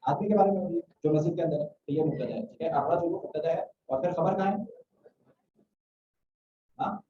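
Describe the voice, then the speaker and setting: A man's voice: on the high side, fairly quick. Man, Arabic grammar teacher, quizzing a class, roomy classroom echo. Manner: questioning students, repeating "theek hai?". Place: classroom with online students. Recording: roomy, muffled classroom audio from a distant mic.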